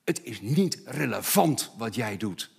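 A man voicing a hostile crowd that gruffly tells a beggar to shut up, in a lower, dismissive voice. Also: big pitch swings, a little slow, full character voice. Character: hostile grumbling crowd of men silencing a beggar.

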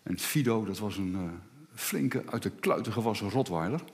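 Lively preacher in a reverberant hall. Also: male voice, fairly low pitch, moderate pace. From Netherlands. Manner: lively storytelling, animated. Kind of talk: sermon with a told joke. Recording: long reverb in a church hall.

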